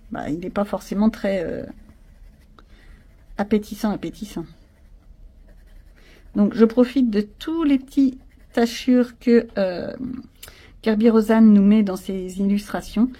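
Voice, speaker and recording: A woman with a warm, medium-pitched voice narrates a casual coloring session for her channel. Pencils in hand, she works on a picture while talking through her thoughts with viewers.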